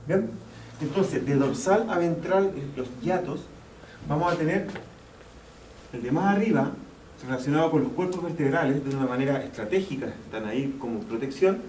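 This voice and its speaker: A man teaches an anatomy class, repeating each key term and checking that students follow. His voice is mellow and sits a little high. He is picked up from a distance in an echoey lecture hall with faint background noise. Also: expressive, normal speed. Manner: explains step by step, repeats key terms, checks in with "¿ya?". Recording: echoey classroom, mic far off, faint ambience.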